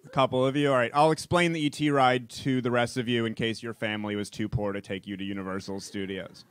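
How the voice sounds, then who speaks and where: A man's voice: medium pitch, steady tone, fast talker, clear, resonant tone. A young man telling a funny personal story on stage to a live audience, casual and wry. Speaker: storyteller comedian. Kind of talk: stand-up storytelling.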